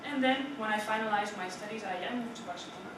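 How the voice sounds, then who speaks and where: A young club speaker from the Netherlands talks fast at a medium pitch, giving a prepared speech in a meeting room. She's chatty, asks the audience questions, and often adds "right?". The recording is distant, echoey and noisy.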